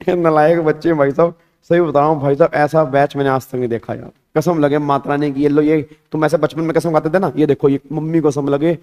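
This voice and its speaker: Guy teacher, voice kinda high and hoarse, chill chatty online class vibe. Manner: chatty, colloquial, speaks calmly. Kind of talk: casual online lecture.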